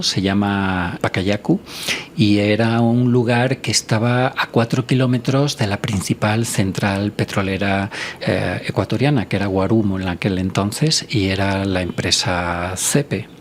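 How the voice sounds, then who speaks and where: A man's voice: fairly low pitch, a little hiss or hum. A man in his sixties from Spain, a doctor telling his life story as a podcast guest in a reflective way, with many filler words. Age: 60s. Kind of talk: podcast interview.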